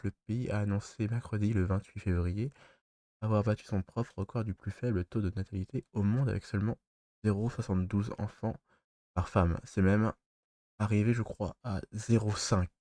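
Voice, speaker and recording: Deep voiced guy, mellow, blocked nose, talking thru a mask, reads news then rambles casually with hesitations. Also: no echo. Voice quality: congested, stuffy nose. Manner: hesitant, halting when off script. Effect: speaking through a face mask. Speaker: vlogger commenting on news. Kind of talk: reading news articles with casual personal commentary.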